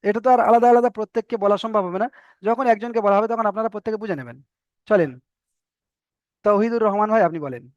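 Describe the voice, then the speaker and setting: A man's voice: sits high, quick pace, long pauses, smooth, no echo, lo-fi sound. A man teaching an online Quran reading class, patiently repeating letters and vowel marks so students can copy his pronunciation. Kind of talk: online Arabic reading lesson.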